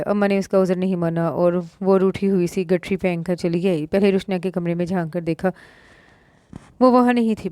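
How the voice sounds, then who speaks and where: Mellow-voiced woman reading a novel. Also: fairly low pitch, no room sound, studio quality. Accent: Pakistani Urdu. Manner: reads all parts in one even voice, lifting slightly for quoted lines. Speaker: novel narrator.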